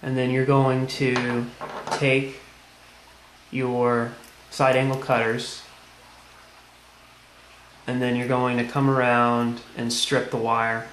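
In an echoey room with background noise, a man at a tiled tabletop indoors walks through a casual hands-on tutorial, explaining each step plainly. His medium-pitched voice is fairly bright, barely shifts in pitch, and moves slowly with frequent pauses.

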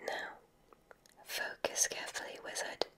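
A woman whispers as a kind witch examiner at a magic school in an ASMR roleplay. The delivery is breathy, slow, and soothing, gently enthusiastic and marked by deliberate pauses.

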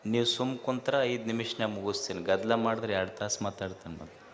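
A man's voice: lowish voice, fairly even intonation, brisk, slight background noise. A man with a North Karnataka Kannada accent giving a spiritual talk to a festival crowd, repeating lines and asking rhetorical questions with rising emphasis. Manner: hushes the crowd firmly and jokingly. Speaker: speaker addressing a festival gathering.

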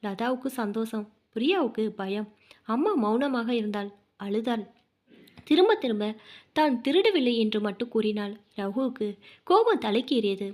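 A woman narrating a family drama story in a dramatic, expressive reading. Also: fairly high pitch, moderate pace.

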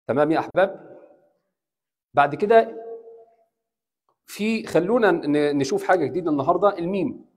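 A man's voice: on the high side, normal speed, pauses often, darkish tone. A man with an Egyptian accent, an imam giving a classroom lecture on recitation, explaining step by step, checking in with his students and switching between Arabic and English. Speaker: imam teaching Quran recitation.

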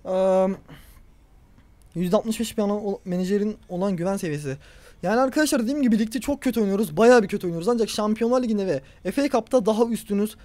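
Excitable young man, football game commentary. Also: high-pitched, fast talker. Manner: excitable, talks to himself and the players, yells at big moments. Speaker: gaming YouTuber.

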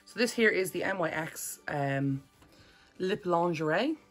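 A woman's voice: on the low side, lively intonation, measured pace, soft background music. A woman chatting casually through a makeup tutorial as a vlogger, rambling and correcting herself as she goes.

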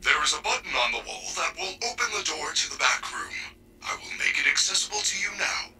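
An actor playing a gentle, caring male animatronic bear robot who speaks in polite, formal, soothing robotic sentences. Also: very deep voice, monotone, a little fast, vocal fry, full character voice. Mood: gentle, helpful. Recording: game audio, slightly distant, faint music.

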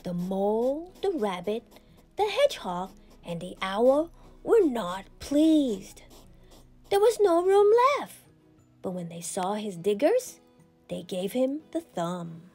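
Woman reading a storybook, very lively pitch. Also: slow, faint music behind. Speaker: storyteller reading a picture book aloud. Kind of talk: expressive children's storybook read-aloud.

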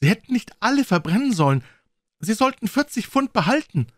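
A man voicing a bitter, desperate young man who breaks into high, overwrought outbursts. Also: sing-song, normal speed, no room sound, clean studio sound. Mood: frantic.

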